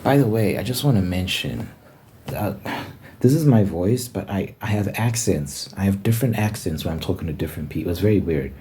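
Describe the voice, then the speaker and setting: An ASMR channel host from Zimbabwe talks casually to camera in his bedroom, which has a window, rambling and correcting himself as he thinks aloud. His low voice is warm, animated and brisk. A little hiss or hum can be heard.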